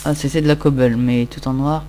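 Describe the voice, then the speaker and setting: Tired and freshly awake, a man hosting a Minecraft let's-play gives loose, self-deprecating commentary while gaming. He speaks briskly at a medium pitch, with a mellow voice and fairly even intonation, over slight background noise.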